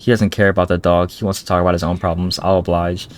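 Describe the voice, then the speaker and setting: Man, gaming commentary, low voice, blunt, curses freely, nervous asides. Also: little pitch movement, fast. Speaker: gaming streamer. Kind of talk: let's-play commentary.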